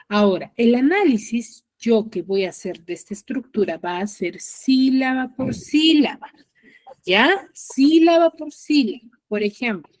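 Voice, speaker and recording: A woman teacher with a Peruvian Spanish accent, leading an online class. She is patient, repeats key words and often checks in with her students. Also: fairly high pitch.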